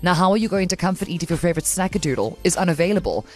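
A woman hosting a radio show, playful and animated in casual banter. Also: fairly low pitch, rapid-fire, soft background music. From South Africa. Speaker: radio host.

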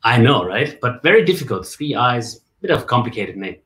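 Forties male guest raised in Germany, coach and MC type; lively storytelling delivery, mid-range pitch. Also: brisk. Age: 40s. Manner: lively storyteller, jokes and rhetorical asides. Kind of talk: casual interview on a video call.

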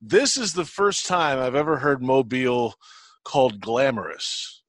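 A man's voice: mid-range voice, animated, unhurried, no room sound. A male sports broadcaster on a podcast, joking in a wry way. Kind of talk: casual banter.

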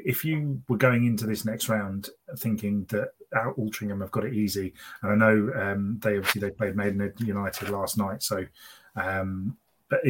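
Husky, rambling man in casual chat. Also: fairly low pitch, rough recording. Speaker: podcast co-host.

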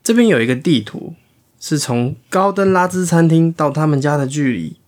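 Storytelling dad reading to a child. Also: male voice, fairly high pitch, animated, normal speed, darkish tone. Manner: chatty, asks the listening child questions. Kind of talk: reading a picture book aloud to a child.

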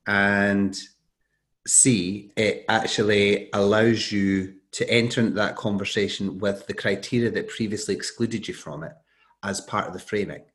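A middle-aged man telling a story in conversation, lively and acting out the dialogue he quotes. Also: fairly low pitch, normal speed. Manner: animated, acts out quoted dialogue.

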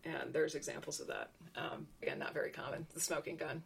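Low, gravelly, husky woman explaining. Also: brisk. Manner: thinks aloud with restarts and asides. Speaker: researcher. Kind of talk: conversational explanation.

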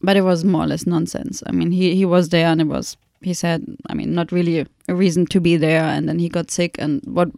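A middle-aged woman from Germany, speaking with a German accent, talks as a photographer guest in an interview, in a reflective, halting way with frequent restarts. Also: on the low side, flat delivery, creaky, dark tone, dry recording, clean studio sound. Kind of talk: conversational interview.

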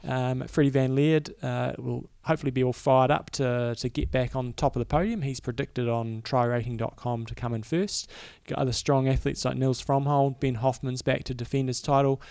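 A man with a New Zealand accent co-hosts a sports podcast. His voice has plenty of vocal fry, and he talks through the news plainly and casually. The recording is very dry. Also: medium pitch, fairly even intonation, moderate pace, few pauses, darkish tone, no room sound. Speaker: podcast co-host.

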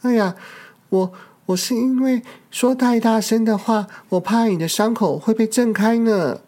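A storyteller voicing a small, kind young pterosaur in a picture-book story, high and sweet. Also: a little slow, warm tone, natural voice. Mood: nervous.

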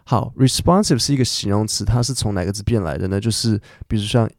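A man's voice: lowish voice, fast talker, no echo, studio quality. A man, hosting a casual podcast lesson and explaining English words in a chatty way full of fillers. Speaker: podcast host and English teacher.

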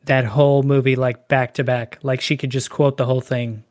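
A man co-hosting a podcast, telling stories in an animated, casual way and acting out quoted lines. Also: medium pitch, moderate pace. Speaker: podcast co-host. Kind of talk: casual storytelling chat.

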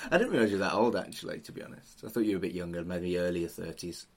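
A middle-aged man who is a podcast host and funeral celebrant talks at a racing pace in a voice that sits low. His style is informal, teasing and chatty.

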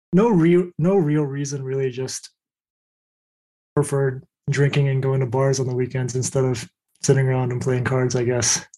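A man's voice: medium pitch, mellow, rough recording. A young adult man telling his story casually as a podcast guest. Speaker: podcast guest, poker coach.

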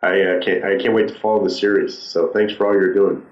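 A man's voice comes through muffled, as if from the other side of a wall, with a dull, lo-fi tone and a roomy echo around it. He speaks low and thoughtfully, pausing often and leaning on fillers as he answers interview questions. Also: flat delivery. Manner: halting, thoughtful, many fillers. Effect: muffled, as if heard through a wall. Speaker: entrepreneur guest.

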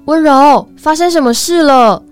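A woman voicing a fourth-grade boy, a calm and fair older brother, speaking gently but firmly in a children's storybook. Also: high-pitched, a little slow, faint music behind, voice pushed up, exaggerated voice. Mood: urging. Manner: gentle and firm.

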